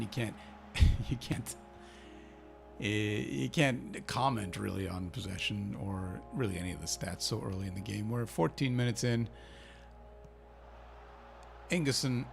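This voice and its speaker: Playing a football manager game for his gaming channel, this man with an Icelandic accent keeps up a chatty, think-aloud commentary and cheers his team on. His voice is fairly low and carries vocal fry.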